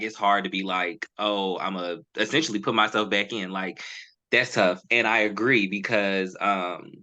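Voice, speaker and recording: A young man from Charlotte, North Carolina, opening up as a podcast guest, reflective and animated, often restarting his thoughts. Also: on the low side. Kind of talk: candid personal conversation.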